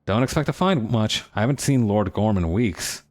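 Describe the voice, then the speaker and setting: A man's voice: on the low side, animated, moderate pace, a little mellow, natural voice. A man voicing a wry, teasing townswoman in a game who chats through rumors. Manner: teasing, chatty.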